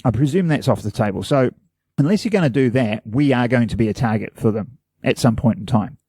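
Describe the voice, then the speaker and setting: A man's voice: medium pitch, a little fast, mellow, breathy edge, no echo. A man from New Zealand co-hosting a podcast, chatting in an earnest, rambling, self-deprecating way. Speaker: podcast co-host. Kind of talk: casual chat.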